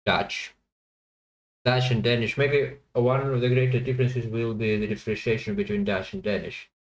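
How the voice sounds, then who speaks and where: Over poor audio, a man with a mid-range voice and fairly even intonation streams a language-guessing game. His thinking aloud is halting and full of fillers and self-corrections, and he addresses viewers between guesses.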